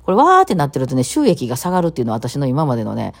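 A woman with a Kawachi Osaka accent and a low, gravelly voice, chatting on her own in a rapid-fire, piling-on way. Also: huge pitch swings. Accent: Kawachi Osaka dialect. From Kawachi, Osaka, Japan. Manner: rapid-fire, piling on one topic after another. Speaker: radio talk host. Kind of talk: casual solo talk.

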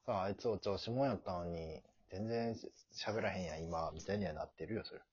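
A young man with a Kansai Japanese accent hosting a casual comedic chat, animated and prone to loud high-pitched shouted bits. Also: fairly quick, husky, dull audio. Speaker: podcast host.

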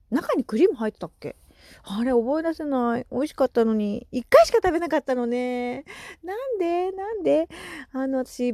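A woman in her thirties chatting casually on her solo podcast, animated and laughing often, with soft asides. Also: a little high, no echo, clean studio sound. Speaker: podcast host.

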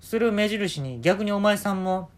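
A man's voice: high voice, expressive, moderate pace, voice pushed up. A man doing a cranky old leaf spirit. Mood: insistent. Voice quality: old-fashioned old-man speech, drawling and bossy. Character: cranky old man in work robes, really a talking fallen leaf.

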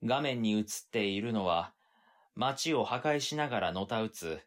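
In an audio drama, a man voices an exasperated, long-suffering young man telling his own story in scripted first-person narration. His fairly low voice has lively intonation and a normal pace, lightly acted, and the narration sounds stunned.

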